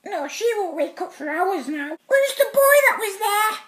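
A man's voice: extremely high pitch, big pitch swings, normal speed, a bit bright, echoey room, a little hiss or hum, heavily acted. A man voicing a naive, hesitant little boy who is faking being sick on a prank phone call. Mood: innocent, hesitant. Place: small room indoors.

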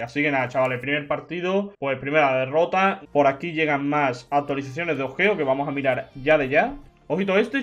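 A young man from giving excitable, chatty football video game commentary, shouting at big chances. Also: fairly high pitch. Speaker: gaming YouTuber. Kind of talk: let's-play commentary.

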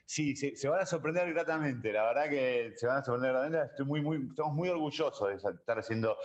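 A man's voice: medium pitch, quick pace, dull audio, slight background noise. A man with an Argentine accent in casual chat, telling jokes and laughing at his own punchlines. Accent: Argentine Spanish. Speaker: comedian guest.

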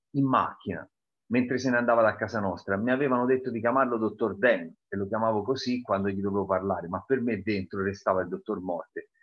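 A man reads a novel aloud in a lowish voice, calm and deliberate. He pauses now and then to comment on the story. The recording is dull and lo-fi. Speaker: reader presenting a novel. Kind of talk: reading aloud with brief commentary.

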